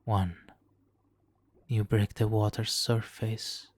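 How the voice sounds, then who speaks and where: In a soothing, hypnotic ASMR roleplay countdown, a man plays a suave, manipulative supervillain, silky, theatrically polite, and smugly doting, now and then sinking into whispers. His voice sits on the low side with a level, darkish tone, and he takes his time.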